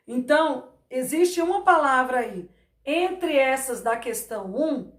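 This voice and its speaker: Slow, high-voiced woman teacher in an echoey room. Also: expressive. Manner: slow, stresses syllables by repeating words. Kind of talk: Portuguese grammar lesson.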